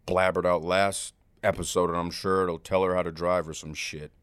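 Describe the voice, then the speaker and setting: A man's voice: sits low, little pitch movement, normal speed, fairly bright tone, clear, resonant tone, no room sound. An American man co-hosting a podcast with casual, teasing, irreverent banter. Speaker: podcast co-host.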